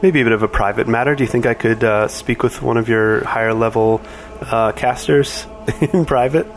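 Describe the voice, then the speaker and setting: A man's voice: medium pitch, moderate pace, a little hiss or hum, close to an everyday voice. A man playing a polite, evasive adventurer in a tabletop game, hesitant and very courteous. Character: polite, evasive male adventurer seeking temple favors.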